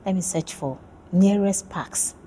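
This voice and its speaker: A woman's voice: on the low side, unhurried, dark tone, slight background noise. A woman from Nigeria, a PhD student, talking about her research in a casual interview, friendly and hesitant with many fillers.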